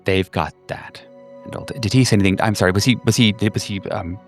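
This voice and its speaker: Uneasy guarded woman, voiced by a man, low voice, halting, hesitant. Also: faint music behind, lightly acted. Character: uneasy middle-aged woman staff member, guarded.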